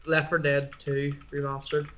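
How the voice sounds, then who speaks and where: A man's voice: fairly high pitch, monotone, unhurried, a bit bright. A man co-hosting a casual gaming podcast, laid-back and teasing. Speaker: podcast co-host.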